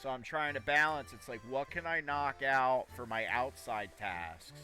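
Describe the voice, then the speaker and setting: A man with a mid-pitched voice streams a game over clearly audible music. He talks in a casual, rambling way, often to himself, as he comments on what he is playing. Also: a little slow, bright, forceful tone. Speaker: gaming streamer.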